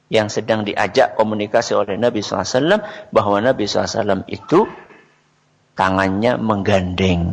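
A man's voice: lowish voice, big-room sound. A man giving a religious talk on parenting to an audience, asking questions and answering them himself. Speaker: religious speaker.

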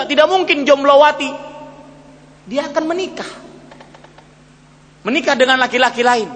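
A man in his forties preaching a sermon, emphatic, asking rhetorical questions and swinging between loud and hushed. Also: very high-pitched, big-room sound. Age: 40s.

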